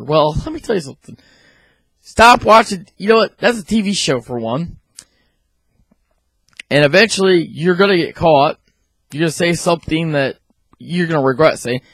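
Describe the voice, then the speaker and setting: A man's voice: fairly high pitch, breathy edge, dry recording, rough recording. A man in his thirties, a video blogger speaking a little oddly after oral surgery, giving an indignant, opinionated rant to camera. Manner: indignant, rhetorical questions. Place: small room at home. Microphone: handheld microphone close to the mouth.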